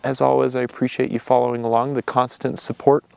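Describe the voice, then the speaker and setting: Guy with a gravelly voice chatting outdoors about wildlife photography, kinda flat but enthusiastic, dry sound. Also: medium pitch, fast, dry recording. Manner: enthusiastic, easygoing, frequent fillers. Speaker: wildlife photographer and channel host. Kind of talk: casual outdoor vlog talk. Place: outdoors in mountain forest.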